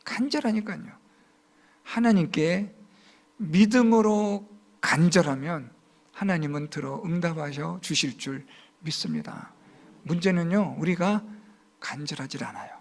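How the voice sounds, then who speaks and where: A man's voice: high voice, creaky. A male pastor with a Gyeongsang Korean accent gives an earnest, emphatic sermon. He repeats key words and asks the congregation rhetorical questions.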